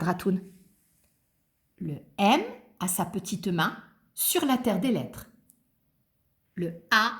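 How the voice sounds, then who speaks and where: A woman teacher patiently explaining cursive handwriting to young children, step by step. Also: medium pitch.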